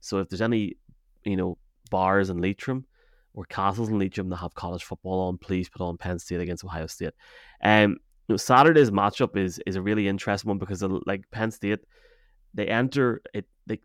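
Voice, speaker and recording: An Irish man hosts a casual sports podcast in a fairly low voice. He talks in a chummy, matey way. The sound is close and dry. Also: steady tone, brisk, no room sound. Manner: chummy, addresses guests as man and boys. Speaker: podcast host.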